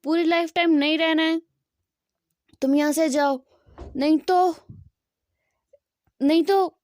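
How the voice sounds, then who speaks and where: An upset, angry young man, as a woman narrator reads him out in a storytelling explanation. He speaks curtly and sulkily, turning people away. The voice is very high and the sound is close and dry. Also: steady tone, slow pace, darkish tone, no room sound. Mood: sulky, angry. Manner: curt, sulky, threatening.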